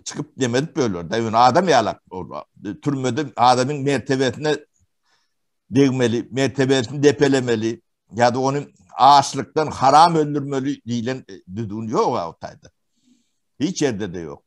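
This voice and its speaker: A man from Turkmenistan giving testimony in an interview, talking haltingly with many pauses and fillers. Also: mid-range voice, lively intonation. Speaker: witness interviewee.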